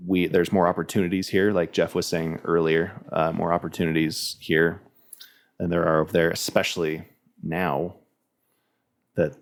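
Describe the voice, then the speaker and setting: A man with a very low voice and a gravelly, fried texture talks casually as a podcast guest. He rambles, restarts his sentences and fills his speech with "like" and "um" as he explains things. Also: level tone, normal speed. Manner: rambling, many restarts and "like" fillers.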